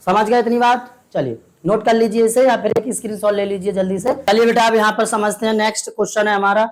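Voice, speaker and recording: A woman's voice: medium pitch, darkish tone. A woman teaching a maths lesson step by step. She speaks patiently, keeps quizzing her students and calls them "beta". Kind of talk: step-by-step classroom explanation.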